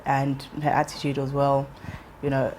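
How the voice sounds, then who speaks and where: Interviewed about her life, a woman in her thirties raised in England speaks low and steady, thinking aloud with ums and restarts. The recording is rough, with a faint hiss behind it.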